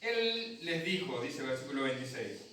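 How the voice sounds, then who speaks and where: A man's voice: mid-range voice, very animated, normal speed, pushed and bright, a little hiss or hum. A male pastor with an Argentine accent, preaching a sermon in a storytelling way and acting out voices for his congregation. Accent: Argentine Spanish. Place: church hall. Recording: echoey hall from a distant mic.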